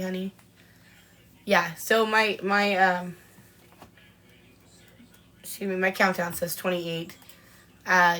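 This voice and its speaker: A woman co-hosts a podcast in a relaxed live-stream chat. She answers viewer comments one after another in a chatty way, with frequent ums and pauses between thoughts. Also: lowish voice, creaky. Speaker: podcast co-host.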